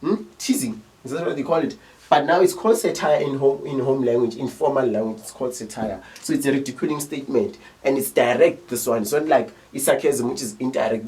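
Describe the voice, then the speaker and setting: A young man with a South African accent talks through a lesson casually, keeping listeners engaged with quick check-in questions. His voice sits at a middle pitch and sounds slightly distant from the microphone. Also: a little mellow. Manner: chatty, checks in often with rhetorical questions. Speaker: teacher.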